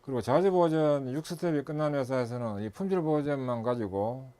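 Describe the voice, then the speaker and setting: A man's voice: medium pitch, fairly quick, mellow. Methodical middle-aged man lecturing. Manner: methodical, lists steps with self-corrections. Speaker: instructor and consultant.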